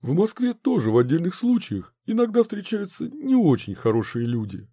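A calm, brainy older scientist, as a male narrator voices him, measured and dry in manner. The tone is warm with a lively pitch. The recording is dry. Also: breathy edge, no room sound, heavily acted.

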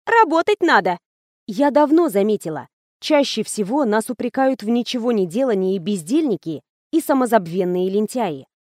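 A woman's voice: medium pitch, animated, normal speed, dark tone, no room sound, studio quality. A woman reading a first-person audiobook narration in a wry, conversational manner.

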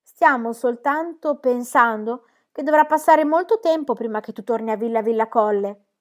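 A woman's voice: a little high, normal speed, lightly acted. A woman voicing an eager, anxious young boy who speaks in a pleading way in a storybook reading.

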